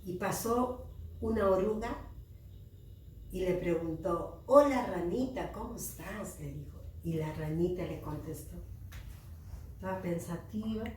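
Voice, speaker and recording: A woman teaching children at church, telling a story in a slow, sing-song way and asking them questions. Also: fairly low pitch, a little mellow, a little hiss or hum. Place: church room. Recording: echoey room, voice from far off.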